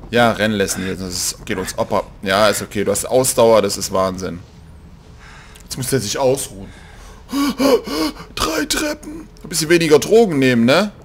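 A man commenting on a horror game in a casual, joking way. He mocks the characters on screen and drops to a hush when his character sneaks. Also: fairly low pitch, sing-song, moderate pace, slight background noise. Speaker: let's play gamer.

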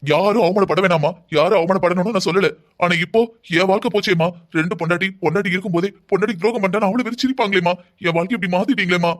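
A man's voice: high-pitched, rapid-fire, natural voice. A man playing a resentful young groom in a cartoon drama, despairing and sulky toward his mother. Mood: bitter.

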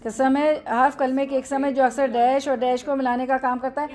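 Woman teacher going through a grammar lesson, urdu accent, bit high-pitched, keeps asking and answering her own questions. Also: little pitch movement, fairly quick, darkish tone.

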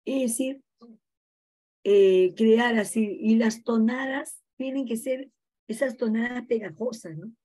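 Chatty woman teacher, mellow voice. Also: a little high, slow. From Peru. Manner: chatty, checks in with frequent "no?" tags and fillers. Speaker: college teacher. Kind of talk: informal class lecture.

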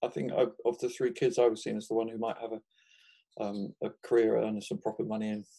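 Relaxed, mellow-voiced older Englishman. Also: fairly low pitch, a little fast, creaky. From England. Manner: thoughtful, chuckling often, frequent restarts. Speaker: guest market gardener. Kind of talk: relaxed conversational interview.

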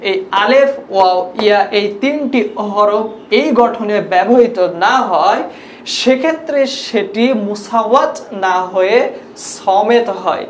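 A woman teaches viewers a language lesson, patiently explaining sounds and repeating examples step by step. Her medium-pitched voice has lively intonation and a measured pace. The room is echoey, with faint ambient noise.

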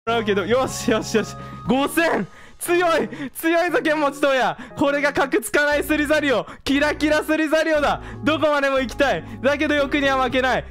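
A man streaming a game, reacting loudly and excitedly as he plays. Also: very high-pitched, normal speed, faint music behind. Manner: shouting, animated gaming reactions.

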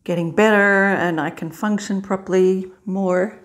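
A middle-aged woman in a casual mukbang vlog, chewing while talking in a halting, unhurried way with pauses to eat. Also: medium pitch, steady tone. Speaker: vlogger. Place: small indoor hospital room.

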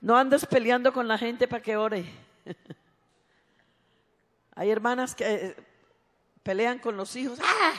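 A woman preacher giving a sermon, telling stories warmly and breaking into loud, fervent exhortations. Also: fairly high pitch, fairly even intonation, slow pace, pauses often, in a large hall. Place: church sanctuary.

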